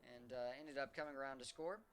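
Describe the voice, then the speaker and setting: A man calling baseball play-by-play as the team's announcer, keeping a steady call that lifts in energy on hits. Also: mid-range voice, fairly quick, clean tone.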